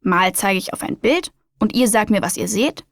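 A woman's voice: medium pitch, expressive, normal speed, dry recording, clean studio sound, natural voice. A woman voicing a kind, patient male children's doctor in a storybook, encouraging and explaining.

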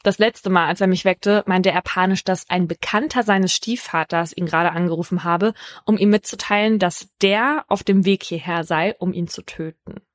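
Calm woman narrating, dry close sound. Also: on the low side, normal speed, dry recording. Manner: calm, matter-of-fact narration. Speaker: care worker in a youth facility. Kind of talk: first-person narrated account.

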